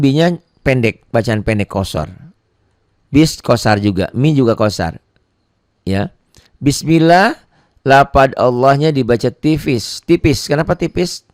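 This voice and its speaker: Brief: male tutor, low voice, dry close sound, patient repetitive beginner recitation lesson. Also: no room sound. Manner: patient, repeats points and asks then answers his own questions; chants Quranic phrases slowly and loudly between plain explanations. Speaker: Quran reading teacher.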